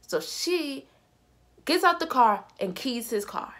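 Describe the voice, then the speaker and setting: A woman in her twenties telling a vlog story in a slangy, animated way. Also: high voice, slow pace. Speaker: vlogger.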